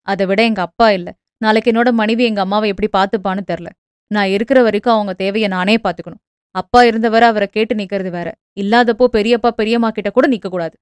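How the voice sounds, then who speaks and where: A woman voicing a gentle young village man, a devoted son, speaking low and earnestly. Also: clean tone, dry recording, clean studio sound, lightly acted.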